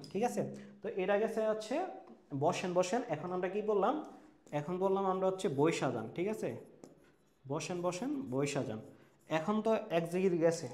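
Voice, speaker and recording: A man's voice: a little high, a little mellow, reverberant. A man teaching an online English class, asking rhetorical questions and checking in with "ঠিক আছে?" after nearly every point. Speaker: English tutor for admission-test students. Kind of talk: online lecture.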